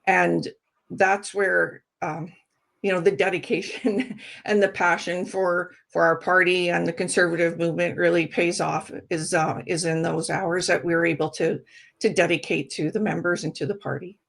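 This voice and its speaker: A woman's voice: on the low side, little pitch movement, moderate pace, creaky. A middle-aged woman from Alberta, speaking earnestly as a candidate in a casual interview, with frequent ums and restarts. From Alberta, Canada. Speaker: political candidate guest.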